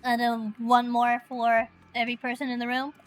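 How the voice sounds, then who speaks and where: Slow-talking woman commenting on a game. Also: on the high side, completely flat delivery, soft background music. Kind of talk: casual game playthrough commentary.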